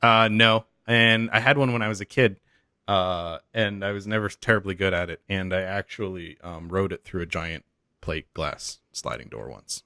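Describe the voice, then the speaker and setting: A man co-hosting a podcast in casual chat, easygoing and quick to laugh. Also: deep voice, bright, forceful tone, no room sound, studio quality. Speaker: podcast co-host.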